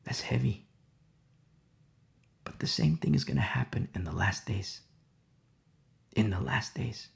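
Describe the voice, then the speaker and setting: A Bible teacher delivers a verse-by-verse sermon in a lowish, gravelly voice with an edge of vocal fry. His intonation is lively and his pace a little slow, with frequent pauses. Speaking rhetorically, he keeps asking listeners "you see?" and now and then drops into quiet, hushed asides.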